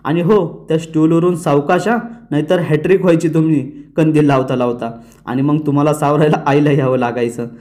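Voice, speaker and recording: A playful young husband who teases lightly, read by a man retelling a soap. His manner is easygoing and joking. The voice is a touch high. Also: steady tone, brisk, mellow, close to an everyday voice. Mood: teasing. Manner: teasing, light.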